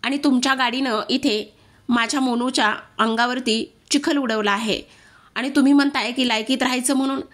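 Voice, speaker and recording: A woman's voice: high-pitched, steady tone, moderate pace, a bit bright. A woman narrator voicing a fiery, protective young woman from a TV serial, speaking with an indignant, raised voice. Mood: angry.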